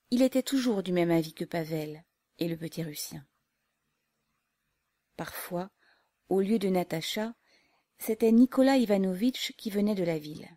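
A woman narrating a classic novel as an audiobook, calm and measured. She reads very slowly in a low, mellow voice. The recording is dry, with no room sound. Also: dry recording. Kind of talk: scripted narration.

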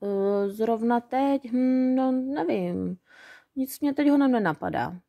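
A woman voicing a timid, well-behaved young fairy girl who talks in halting bits. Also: a little high, vocal fry, dark tone, voice pushed up. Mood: hesitant. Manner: hesitant, halting.

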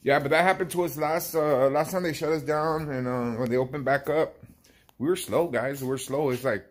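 Talking into a handheld phone held at arm's length, a Southern California man in his fifties chats casually to camera from the small barbershop he owns. His voice is a little high with fairly even intonation and a normal pace, and he rambles, repeats words and addresses viewers as "guys."

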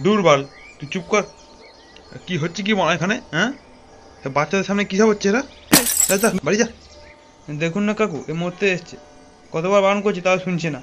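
A man's voice: sits high, a bit bright, lo-fi sound, a little hiss or hum. A man voicing a coarse, scolding older-brother figure in a cartoon comedy. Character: bossy, crude older-brother type man.

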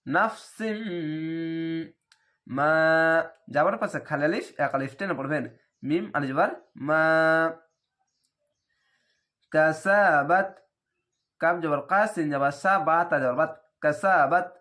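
A man gives a step-by-step Quran reading lesson in Bengali, in a somewhat high voice. He names each letter and vowel mark in turn, then recites the whole word, drawing out the long vowels. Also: fairly bright tone. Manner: spells letters and vowel marks slowly, then reads the word drawn out.

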